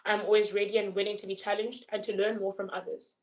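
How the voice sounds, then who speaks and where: A young adult woman running as a student candidate gives a prepared campaign speech over a video call, earnest, measured and formal. Her mid-range voice is flat in delivery, and the recording is muffled.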